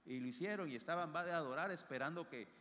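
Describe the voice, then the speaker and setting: Man, pastor, sermon, somewhat high voice, long church reverb, hushed asides then emphatic declarations. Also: fast. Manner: emphatic preaching, swinging between hushed asides and raised declarations. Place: church sanctuary.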